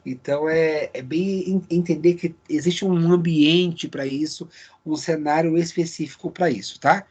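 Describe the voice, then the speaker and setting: A man's voice: on the high side, steady tone, measured pace, darkish tone. A man teaching a live online class, speaking conversationally and checking in with his students by name over a video call.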